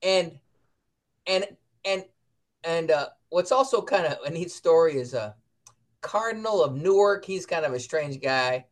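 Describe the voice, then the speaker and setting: An American man co-hosting a casual talk show, animated and playful, acting out quotes. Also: on the high side, measured pace. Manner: animated, playful, acts out quotes in silly voices. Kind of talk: casual chat.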